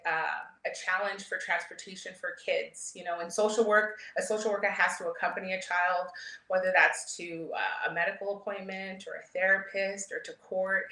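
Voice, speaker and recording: Speaking at a keynote with a medium-pitched, pushed, bright voice, a woman who founded a startup shares personal stories in a candid, chatty way, frequently chuckling. She was born in El Salvador and grew up in Edmonton, Canada, and the sound is roomy and echoing.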